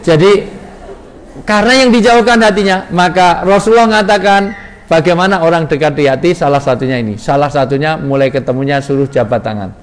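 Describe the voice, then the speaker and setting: A man's voice: a little high, fairly quick, a faint crowd. A man preaching an interactive mosque sermon, joking and directing his audience. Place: large mosque hall. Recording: reverberant hall with faint ambience.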